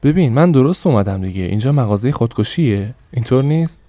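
A man's voice: mid-range voice, expressive, mellow, no echo, close to an everyday voice. A man voicing an insecure young woman customer in an audiobook, speaking timidly and putting herself down. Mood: anxious. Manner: timid, self-deprecating.

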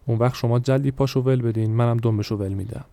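A man's voice: mid-range voice, fairly even intonation, warm tone, no echo, natural voice. A man voicing a blunt male street sweeper in a spoken story, giving practical orders. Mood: instructing.

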